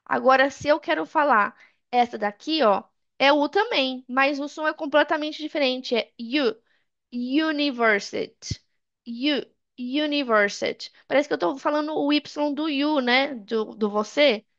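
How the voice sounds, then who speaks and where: A woman from Brazil teaching a basic English lesson in Portuguese, saying English examples slowly and checking in with the class often. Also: high voice, gravelly, fairly bright tone, dull audio. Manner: slow drilled English examples, frequent "tá?" checks.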